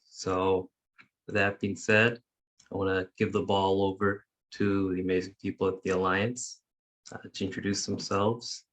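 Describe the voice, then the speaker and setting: Brief: male meeting host on a video call, very low voice, steady and formal. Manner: measured, formal, reads prepared remarks. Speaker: youth council facilitator. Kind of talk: leading an online meeting.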